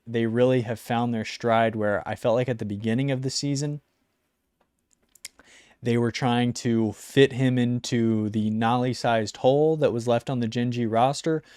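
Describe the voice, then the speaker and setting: A young man casually ranking esports players in a relaxed, rambling way, with lots of ums and likes. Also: medium pitch, clear, resonant tone, no echo, studio quality. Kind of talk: casual talking-head video.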